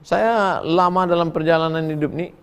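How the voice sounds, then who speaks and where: A man's voice: fairly high pitch, normal speed, clean tone. A middle-aged male preacher, answering questions from the audience in a folksy, joking way. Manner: folksy, joking, animated storytelling. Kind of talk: humorous question-and-answer sermon.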